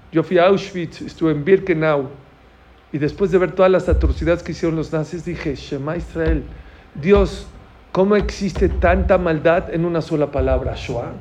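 A religious teacher with a slightly high, darkish voice gives a sermon to young people in an auditorium, telling stories, acting out dialogue, and asking the audience questions. The recording is dull and lo-fi with faint noise.

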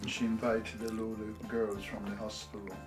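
A man's voice: lowish voice, monotone, moderate pace, faint music behind. An older man, the interviewee's husband, briefly joining the chat from off-mic. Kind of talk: casual conversation.

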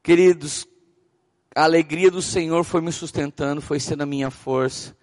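A Brazilian man preaching as a pastor, telling stories with animated acted-out dialogue. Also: fairly high pitch, moderate pace. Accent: Brazilian Portuguese. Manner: animated storytelling, acting out dialogue. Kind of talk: sermon.

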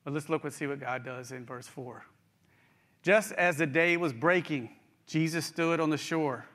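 With a fairly high, slightly bright voice at a moderate pace, a middle-aged preacher from West Virginia speaks straight to his listeners. His sermon is conversational and folksy, carried in his West Virginia accent.

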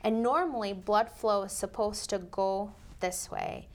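A woman's voice: medium pitch, a little slow, a little mellow. Woman cardiac surgeon explaining plainly. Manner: explanatory, laughs easily, plain terms. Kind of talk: medical call-in show interview.

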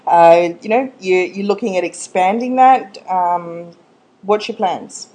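A woman's voice: mid-range voice, slow pace, mellow, poor audio. A woman interviewing a guest in a casual, conversational style. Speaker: podcast host, interviewer.

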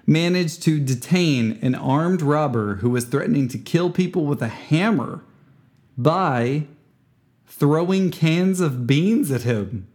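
A man co-hosts a comedy podcast, bantering playfully with his partner and reading out news stories. His voice sits somewhat high for a man. He keeps the tone light and quick. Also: expressive, a little mellow. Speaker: podcast co-host. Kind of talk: casual comedic chat.

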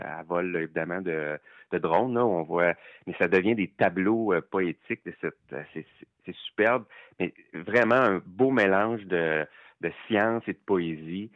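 A man with a Québécois accent reviewing documentaries in casual podcast chat, enthusiastic and halting with many fillers. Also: deep voice, no room sound. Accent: Québécois French. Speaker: film critic guest. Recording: tinny phone-like line, dry.

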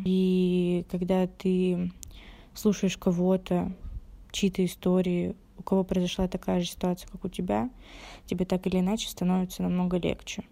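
Gravelly-voiced young woman guest. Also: fairly low pitch, dark tone. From Rostov-on-Don, Russia. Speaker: podcast guest. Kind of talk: podcast talk.

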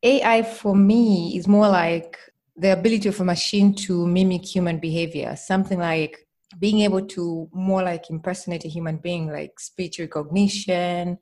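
A woman's voice: fairly low pitch, fairly even intonation, normal speed, warm tone. A woman, a guest explaining her work carefully with frequent fillers. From Tanzania. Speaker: guest, startup team member. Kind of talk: interview answers.

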